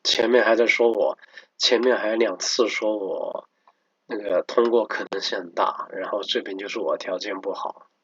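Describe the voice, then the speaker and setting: A man gives casual commentary in a fairly low, husky voice. The sound is close and dry, slightly dull and muffled, as he introduces and reacts to recordings. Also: steady tone, moderate pace, fairly bright tone, dry recording. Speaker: narrator commenting on recorded calls.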